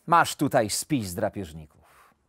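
A man voicing a grumpy, impatient wolf in a storybook, scolding slowly and sternly. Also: fairly low pitch, very animated, a bit bright, no echo, clean studio sound, voice pushed down, exaggerated voice. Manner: gruff, scolding, slow and stern. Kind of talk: audiobook character voice.

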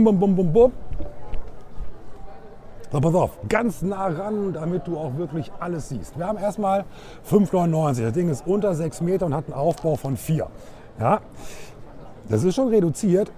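Here a middle-aged man presents caravans in a relaxed vlog, strolling through a trade fair hall and stepping inside a caravan. Slightly high but gentle and easygoing, his voice stays chatty and informal as he speaks straight to viewers like a friend. Sound comes from a wireless lapel mic.

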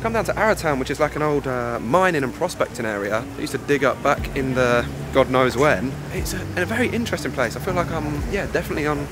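Upbeat young travel vlogger. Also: male voice, fairly high pitch, lively intonation, fast talker, few pauses, over music. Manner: chatty, upbeat, laughs often. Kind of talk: casual travel vlog. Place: outdoors on a road trip.

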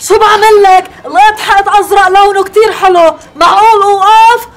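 A performer playing a brash middle-aged woman learning to drive, with a Lebanese accent and quick sassy back-talk. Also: very high voice, fairly even intonation. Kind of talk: sketch comedy acting.

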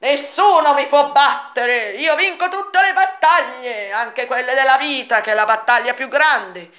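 Brief: a woman voicing proud personified Courage, high and bright, declaiming its victories. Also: a little slow, roomy sound, lo-fi sound. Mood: boastful. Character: boastful personified Courage, female, unbeatable.

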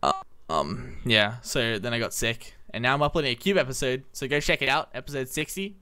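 Excitable Australian guy commentating a game. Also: mid-range voice, a little fast. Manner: excitable, rambling, shouts during fights. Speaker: co-player. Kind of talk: gameplay commentary.

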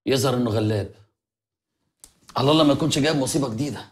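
Actor playing a bewildered, gullible groom. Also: male voice, mid-range voice, faint music behind, close to an everyday voice. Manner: bewildered, lively, rapid. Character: gullible hapless groom, easily fooled. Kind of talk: TV comedy drama acting.

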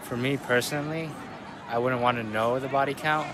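A man's voice: medium pitch, steady tone, a little fast. Young guy on a campus lawn, hesitant short answers, crowd noise around. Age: young adult. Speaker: interviewee.

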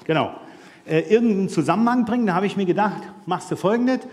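A man's voice: high voice, fast talker, darkish tone. A man giving a humorous conference talk, telling a joke while folding paper, in a large lecture hall. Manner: jokey storyteller. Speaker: conference speaker.

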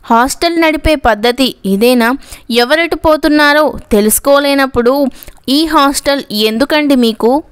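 A woman's voice: sits high, measured pace, clear, resonant tone. A woman voicing a hot-tempered middle-aged father in an audio story, angry and scolding. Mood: furious. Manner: angry, shouting.

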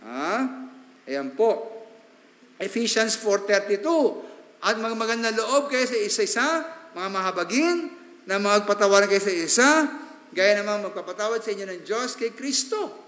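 A man preaching in a church, his voice pitched high and bright. He talks in a chatty way, tossing in quick asides and asking the congregation to agree. The sound rings out with a long, echoey reverb from the hall. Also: expressive. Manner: preaching in mixed Tagalog and English, chatty asides and tag questions. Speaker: pastor. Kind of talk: sermon. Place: church sanctuary.

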